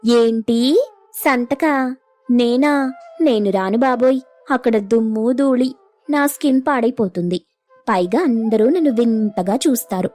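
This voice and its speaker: A woman's voice: on the high side, a little slow, pauses often, soft background music, close to an everyday voice. A woman playing a sassy young daughter-in-law. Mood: whiny. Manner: sassy, boastful, loud hawking. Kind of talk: animated storybook voice acting.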